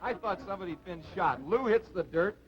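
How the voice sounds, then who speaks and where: An actor playing a ballplayer eagerly telling a dugout story in a 1950s TV drama. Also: male voice, sits high, fairly quick. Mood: animated. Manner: animated, lively storytelling. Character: animated, story-telling male ballplayer teammate. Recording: dull old TV broadcast with music.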